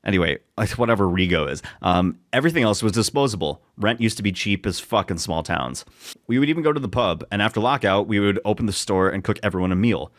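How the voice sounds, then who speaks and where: Co-host: easygoing New York guy with a lowish voice, reads stories and riffs, jokey, trips over words. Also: animated, fast talker. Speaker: podcast co-host. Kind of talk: casual chat, reading stories aloud.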